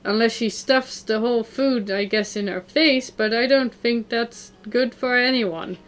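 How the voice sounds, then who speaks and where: A woman's voice: a little high, measured pace. A woman hosting a let's play, giving casual, joking commentary between readings.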